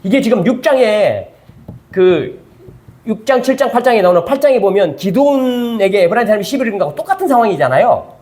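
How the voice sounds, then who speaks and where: A man's voice: high-pitched, lively intonation, fairly quick, a little mellow. An older man, a pastor with a Gyeongsang accent, teaching a Bible study sermon at church and constantly checking in with his listeners through rhetorical questions. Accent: Gyeongsang Korean. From Gyeongsang region, South Korea. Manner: keeps prodding listeners with rhetorical check-ins.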